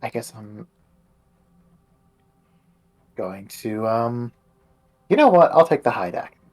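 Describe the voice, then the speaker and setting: A man's voice: mid-range voice, very animated, moderate pace, a little mellow. A man playing a tabletop game, hesitating and thinking aloud about his character's action. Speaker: player.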